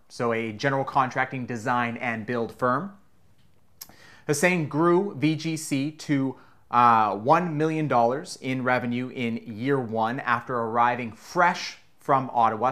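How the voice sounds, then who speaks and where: This is a male podcast host in a relaxed interview chat. He rambles, backs up, restarts his thoughts and jokes with his guest, with the odd swear word along the way. His pitch sits in the middle range for a man. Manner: loose, rambling, joking, swears now and then.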